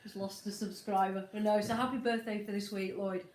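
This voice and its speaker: Co-hosting a motorhome livestream from indoors at home, this woman has a cold that makes her a bit snotty as she chats casually, rambles, and warmly greets viewers. She speaks a little fast, mid-range and steady, into an iPad, with roomy echo.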